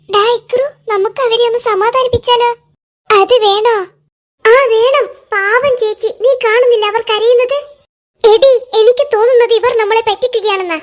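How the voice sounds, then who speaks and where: A voice actor playing a crowd of young cartoon schoolkids who chatter and squabble back and forth in a lively animated comedy. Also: very high voice. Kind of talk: cartoon voice acting.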